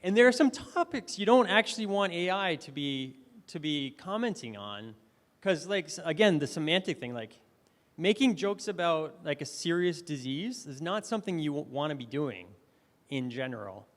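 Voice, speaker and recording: A man's voice: a little high, very animated, normal speed. Chatty man presenting in a reverberant hall. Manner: conversational, enthusiastic, asks the audience questions. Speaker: conference speaker. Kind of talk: conference presentation. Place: conference hall.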